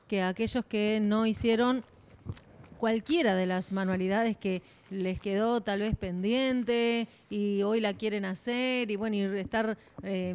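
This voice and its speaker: A woman's voice: medium pitch, a little mellow, clear, resonant tone. A woman, co-hosting a church broadcast with announcements and encouragement. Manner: encouraging, addresses listeners formally. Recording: muffled lo-fi stream.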